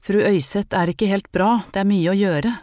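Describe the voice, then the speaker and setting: A woman's voice: medium pitch, darkish tone, no echo, studio quality, voice pushed up, natural voice. A woman reading a young servant girl who speaks with worried urgency.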